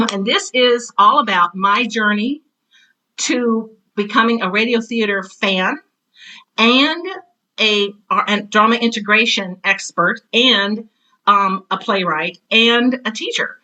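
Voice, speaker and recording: A middle-aged American woman, a teacher and author appearing as a podcast guest, speaks slowly in a mid-range voice that sounds pushed and bright over a rough recording. She chats enthusiastically in the interview, telling her own stories like a teacher and tossing in self-deprecating asides.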